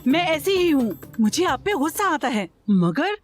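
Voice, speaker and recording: A woman's voice: high voice, very animated, normal speed, faint music behind. A stern scolding older woman. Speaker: dubbing actor. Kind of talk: Urdu dub of a TV drama.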